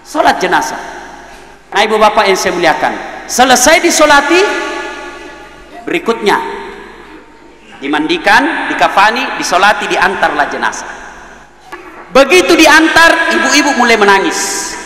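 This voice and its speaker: A male preacher with a Makassar accent giving a humorous sermon, telling lively stories and acting out local people. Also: sits high, normal speed, long pauses. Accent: Makassar Indonesian. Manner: lively storytelling, acts out locals, jokes. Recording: echoey hall reverb.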